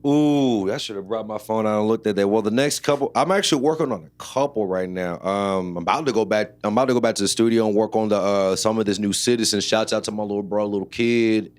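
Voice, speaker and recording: A man's voice: lowish voice, fast, few pauses. A man from Illinois, a rapper and producer, talking as an interview guest in a loose, rambling way full of fillers. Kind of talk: casual interview chat.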